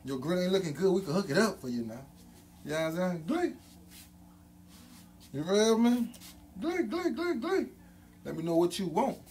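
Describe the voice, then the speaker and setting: A man's voice: high-pitched, very animated, moderate pace, long pauses, a little hiss or hum. Hype man talking through a gold grill. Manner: hype, repetitive catchphrases, loud ad-libs. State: speaking with grill on teeth. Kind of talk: casual hype promo vlog.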